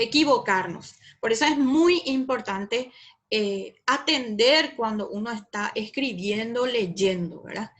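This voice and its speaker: A Paraguayan woman teaching a recorded class, her voice sitting fairly high. She talks slowly and deliberately, repeating each example and checking that students follow. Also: fairly bright tone. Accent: Paraguayan Spanish.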